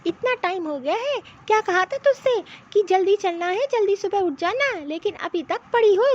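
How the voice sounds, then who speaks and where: A woman voicing a stout, sharp-tongued old mother-in-law who scolds and nags in a cartoon. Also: very high voice, lively intonation, normal speed, muffled recording. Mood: scolding. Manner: scolding, nagging. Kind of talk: cartoon voice acting.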